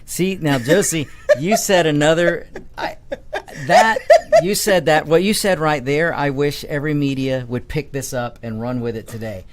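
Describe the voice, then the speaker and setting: A male talk show host with a mid-pitched voice. He backs his guest up eagerly, echoing her points and chiming in often with short agreements. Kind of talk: casual interview talk.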